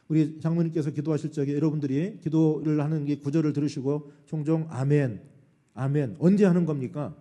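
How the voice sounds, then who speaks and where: A middle-aged man preaching a sermon in a church, swinging between loud calls and quiet, low asides. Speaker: pastor. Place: church sanctuary.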